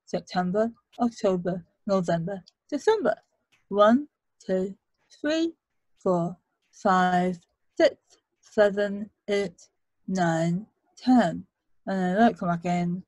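Her medium-pitched voice comes through a low-quality recording with no room sound. She's a British woman teaching vocal exercises on a video call, demonstrating lively as a voice coach from a home studio mic.

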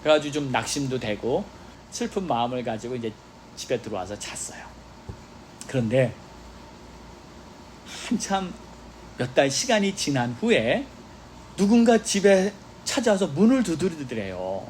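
Lively Korean pastor preaching a sermon. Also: male voice, medium pitch, normal speed, long pauses, a little hiss or hum. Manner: animated storytelling preacher with exclamations and quoted dialogue. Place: church sanctuary.

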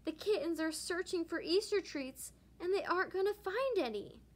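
A woman's voice: very high voice, animated, normal speed, pitched above the performer's own voice. A woman reading aloud voices a small, grumpy male bunny who complains and frets. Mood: fretful. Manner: complaining, fretful.

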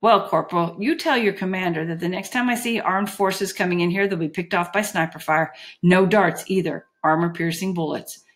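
A woman voicing a huge, calm, menacing male bodyguard who speaks in clipped, commanding, dry sentences. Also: fairly low pitch, normal speed, few pauses, close to an everyday voice. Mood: stern.

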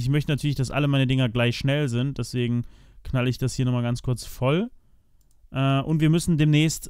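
A man's voice: mid-range voice, darkish tone, smooth, dry recording, studio quality. Chatty man narrating his game build. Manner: chatty, talks to viewers as "meine Freunde"; thinks aloud while building, frequent restarts and fillers. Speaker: let's play host. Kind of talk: casual gameplay commentary.

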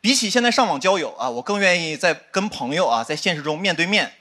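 A man's voice: a little high, lively intonation, quick pace. A man doing a stand-up set on a studio stage, chatty and confiding, often asking the crowd "you know?". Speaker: stand-up comedian. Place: studio stage with live audience. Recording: loud audience laughter and noise.

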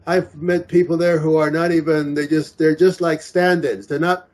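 Man on video call, slightly high voice, halting, lots of ums and restarts, laptop webcam mic. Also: little pitch movement, a little mellow. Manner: halting, many restarts and fillers. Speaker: singles event organizer. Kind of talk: casual video call chat. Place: small room indoors.

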